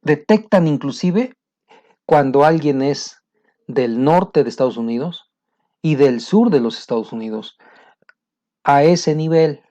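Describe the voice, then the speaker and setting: A man's voice: a little high, expressive, unhurried, long pauses, warm tone. A man gives a casual spoken lesson as an English teacher, hesitating often with fillers and restarts. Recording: dull lo-fi sound.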